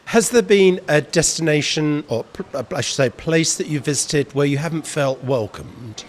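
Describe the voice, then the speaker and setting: A man's voice: on the high side, lively intonation, normal speed. A man hosting an interview at a travel festival, asking friendly, upbeat questions. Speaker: interview host.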